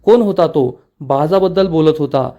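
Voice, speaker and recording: A man's voice: a little high, normal speed, dark tone, close to an everyday voice. A man reading as a stern village patriarch.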